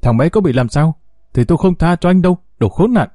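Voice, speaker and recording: A man's voice: on the high side, lively intonation, fairly quick, dark tone, no echo, studio quality, pitched above the performer's own voice, close to an everyday voice. A man voicing a desperate young mother who stammers, pleads and accuses, raised well above his own voice. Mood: furious.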